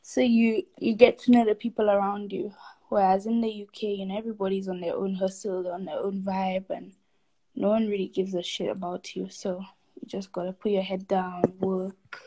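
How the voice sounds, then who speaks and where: A woman's voice: medium pitch, little pitch movement, normal speed, warm tone. A woman from Saint Lucia with a Saint Lucian accent, joining a live stream by phone and chatting frankly and easily. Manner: frank, easygoing, laughs easily. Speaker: caller. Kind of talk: casual chat. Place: indoors at home.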